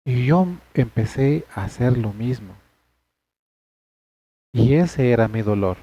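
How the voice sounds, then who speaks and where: A man's voice: mid-range voice, lively intonation, takes it slowly, dark tone, slightly rough. A man leading a church men's study session, talking earnestly and conversationally to the group.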